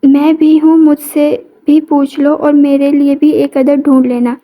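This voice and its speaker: A playful young male student who teases his friends, read by a woman in a novel reading. The voice stays high and soft. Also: little pitch movement, measured pace. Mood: joking.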